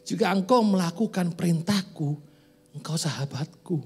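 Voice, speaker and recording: A man's voice: sits high, normal speed, husky. A man in his forties preaching as a pastor in a church, chatty and joking between pointed, rising questions to the congregation. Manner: conversational, joking asides, rising emphatic questions. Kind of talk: sermon. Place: church sanctuary.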